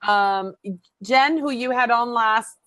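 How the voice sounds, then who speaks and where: A woman from the Netherlands with a Dutch accent, a marketing coach chatting as a guest on a video interview, animated and full of fillers. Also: a little high, takes it slowly, dry recording. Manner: chatty, animated, fills with "um" and "you know".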